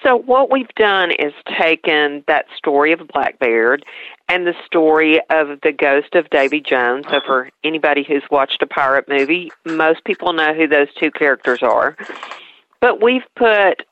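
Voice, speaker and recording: A woman's voice: low voice, animated, unhurried, no room sound, narrow, tinny audio. A woman with an East Tennessee Southern accent, talking as a guest in a conversational interview. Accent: East Tennessee Southern American. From East Tennessee, United States. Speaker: interview guest promoting a show.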